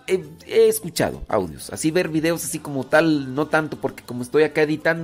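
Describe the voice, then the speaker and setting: A Mexican man with a rural ranchero accent hosts a radio show and talks to his listeners. His voice sits a little high for a man, and he rambles, stalling on fillers and starting over. Soft music plays faintly behind him. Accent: Mexican, rural ranchero speech. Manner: rambling, with many fillers and restarts. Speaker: radio host. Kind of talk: casual radio talk to listeners.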